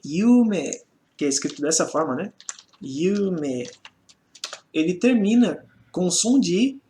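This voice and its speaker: A man's voice: on the high side, darkish tone. A man with a Brazilian Portuguese accent teaching a casual online Japanese lesson, chatty and full of "né?" checks. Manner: chatty, fills with "né?" and restarts while typing examples.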